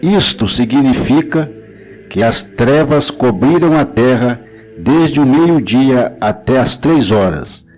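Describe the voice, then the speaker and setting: A man narrates a devotional reflection in a measured, solemn tone, reading scripture with care. His voice sits at an ordinary pitch, and he speaks unhurriedly. Faint music plays quietly behind him. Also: lively intonation, rough recording.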